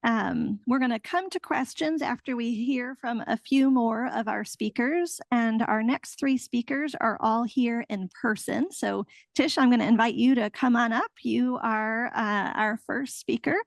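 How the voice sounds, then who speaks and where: A woman's voice: fairly high pitch, a little slow, vocal fry, few pauses, no echo. A woman moderating a workshop session, thanking speakers and introducing the next ones. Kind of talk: moderating a panel.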